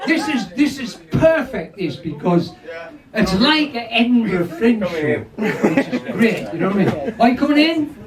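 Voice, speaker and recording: Picked up by a distant mic over a lively crowd, this pub comedy MC is an older North East England man whose extremely high voice moves at normal speed. He swears, rambles through crowd work and keeps laughing at his own gags.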